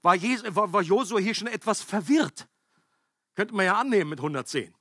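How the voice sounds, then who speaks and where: A man's voice: high-pitched, normal speed, breathy edge, no room sound, studio quality. A man preaching a sermon in a conversational, emphatic way. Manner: conversational, emphatic preaching with animated acted-out quotes.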